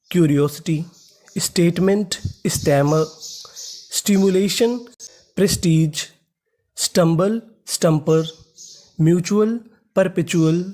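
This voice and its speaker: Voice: medium pitch, mellow. मधुर आवाज़ में धीरे शब्द खींचकर पढ़ाने वाला शिक्षक. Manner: asks questions and answers them himself; drawls key words slowly when repeating them. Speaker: English reading teacher. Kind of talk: spelling out and pronouncing English words.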